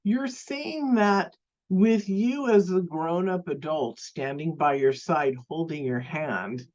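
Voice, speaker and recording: A woman teaching a live online self-love class, speaking gently and unhurriedly, often restarting phrases and using fillers. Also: sits low, slow pace, dull audio.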